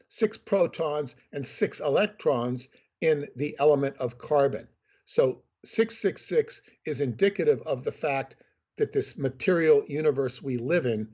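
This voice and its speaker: A man, a guest author on a podcast, explaining at length in a measured, lecturing way over a remote call. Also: mid-range voice, dark tone, slightly rough, dull audio.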